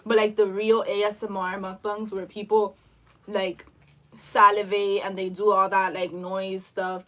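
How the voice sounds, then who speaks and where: A woman's voice: medium pitch, level tone, measured pace, fairly bright tone. A young woman co-hosting a live lunch stream, chatting casually while she eats and filling her talk with "like" and "literally". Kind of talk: casual chat while eating. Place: at home over lunch.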